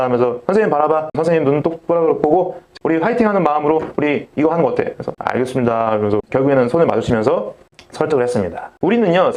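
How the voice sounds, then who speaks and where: A man's voice: medium pitch, darkish tone. A young man preaching a sermon as a pastor, telling a story and acting out the dialogue.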